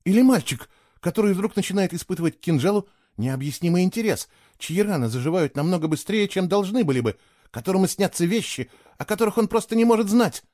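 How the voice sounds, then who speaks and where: A man's voice: high voice, lively intonation, moderate pace, mellow, dry recording, clean studio sound, pitched above the performer's own voice. A man voicing a stubborn, spirited young woman who argues insistently in a raised voice, in an audiobook.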